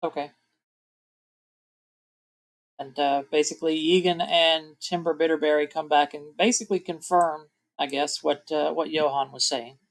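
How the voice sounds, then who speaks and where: A woman's voice: low voice, fairly even intonation, normal speed. A woman narrating as game master in a casual, chatty way, laughing often and restarting her sentences now and then.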